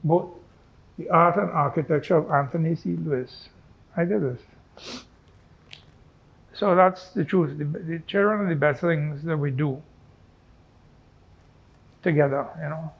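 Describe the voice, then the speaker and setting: Husky man musing in an interview, keeps tacking on "eh?", muffled lo-fi sound. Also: fairly high pitch, unhurried, long pauses. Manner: musing, with frequent tag questions. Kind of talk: reflective personal interview.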